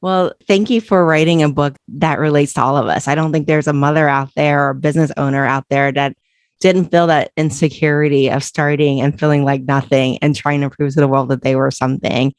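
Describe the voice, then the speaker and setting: A woman podcast host reading a book excerpt aloud in an earnest, expressive way, then interviewing her guest. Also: sits low, brisk, no echo, studio quality.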